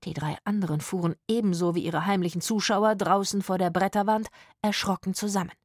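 A woman reads a children's adventure story aloud with lively expression. Her voice sits in a middle range, and the recording is dry and close with no room sound. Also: mid-range voice, brisk, no echo. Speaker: narrator. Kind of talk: scripted story narration for children.

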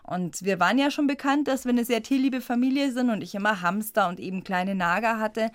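A woman's voice: fairly high pitch, a little fast, no echo. A woman from the Munich area, a guest in a radio interview, telling her story in a chatty way and laughing often. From Munich area, Germany. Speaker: guest, squirrel rescuer.

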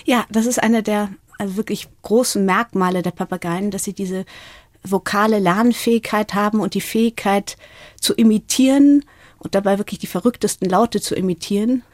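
A woman's voice: mid-range voice, moderate pace, a little mellow, no echo, studio quality. A middle-aged woman, a researcher explaining her work in a podcast interview in a thoughtful way. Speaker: guest, parrot and raven researcher.

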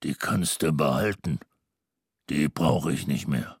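A man voicing a weary, grumbling old Father Christmas in an audiobook, with a husky, gravelly voice and hesitant, reluctant speech. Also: a bass voice, takes it slowly, dry recording, studio quality, pitched below the performer's own voice, heavily acted. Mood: dismissive. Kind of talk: audiobook character voice.

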